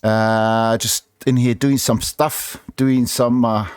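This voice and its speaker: A man's voice: medium pitch, flat delivery, slow pace, a little mellow, a little hiss or hum. A middle-aged man with a Māori New Zealand English accent, hosting an informal, opinionated radio-style show in a blunt, colloquial, sweary way.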